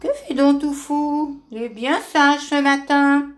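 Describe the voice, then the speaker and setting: A woman voicing a cheerful, curious woodland friend in a children's storybook, speaking in bright exclamations. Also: high-pitched, steady tone, takes it slowly, voice pushed up. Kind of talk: storybook character voice.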